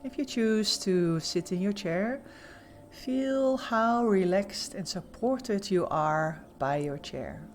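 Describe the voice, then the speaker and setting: A meditation instructor guides a session, giving gentle, soothing instructions in a soft voice with pauses in between. Her pitch is medium and her delivery animated, and faint music plays in the background.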